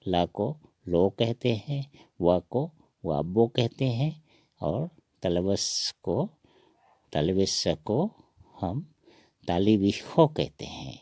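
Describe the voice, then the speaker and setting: Male teacher, very deep gravelly voice, dry close sound, patient step-by-step drilling. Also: lively intonation, dark tone, no room sound. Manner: slow, repeats each sound several times. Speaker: language teacher. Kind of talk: recorded alphabet lesson.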